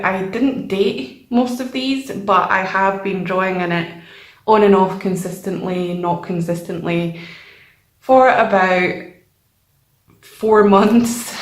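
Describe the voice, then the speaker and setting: Echoey, slow-paced woman vlogging. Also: medium pitch. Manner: informal, hesitant, self-deprecating. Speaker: channel host showing a sketchbook. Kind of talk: casual chat, vlog voice-over. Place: nearly empty room indoors with only a desk. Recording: echoey, bare empty room.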